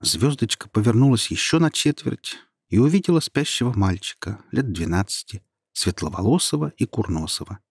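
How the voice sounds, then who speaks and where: A man reads a storybook aloud at a slow, measured pace. His low voice is husky and close, recorded dry with no room sound. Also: expressive, no room sound. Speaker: narrator. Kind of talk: storybook narration.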